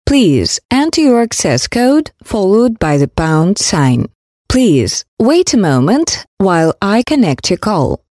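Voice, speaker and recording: A woman delivers scripted phone system announcements in a polite customer service voice. Her tone is mellow and relaxed, with lively melodic swings in pitch. The recording is close and dry. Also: takes it slowly, no room sound.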